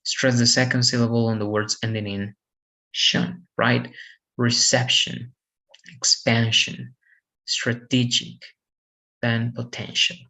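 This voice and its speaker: Gravelly-voiced man teaching English vowels. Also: mid-range voice, little pitch movement, moderate pace, sharp tone, low-quality recording. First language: Spanish. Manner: lists example words with frequent "right?" checks. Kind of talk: lesson on vowels and word stress.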